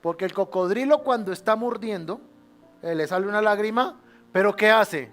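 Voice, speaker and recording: A man preaching a sermon as pastor, with a Colombian Spanish accent, swinging between loud exclamations and hushed lines and having the congregation repeat after him. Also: high-pitched, moderate pace, faint music behind. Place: church sanctuary.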